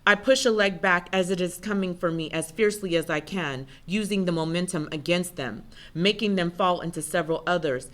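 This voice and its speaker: A woman giving an intense, measured first-person spoken word performance. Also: lowish voice.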